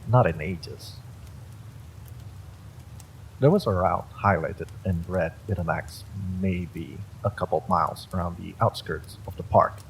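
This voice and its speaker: Reading from a script as a storyteller, a man tells a first-person horror tale in a low, heavily gravelly, creaky voice. There's faint noise behind him, and the recording quality is low.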